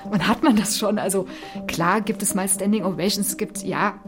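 Excited actress over music. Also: female voice, medium pitch, moderate pace. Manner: excited, with many fillers. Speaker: stage actor. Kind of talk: enthusiastic talk about a performance.

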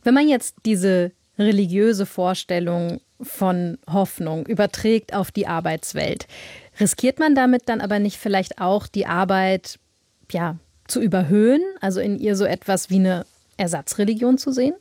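A woman hosting an interview, asking calm, probing questions. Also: medium pitch, normal speed, dry recording, studio quality. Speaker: interviewer, host.

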